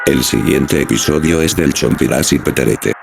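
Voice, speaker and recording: A man narrating a scripted horror story in a flat, steady storytelling manner. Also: extremely low pitch, normal speed, creaky. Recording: music playing underneath.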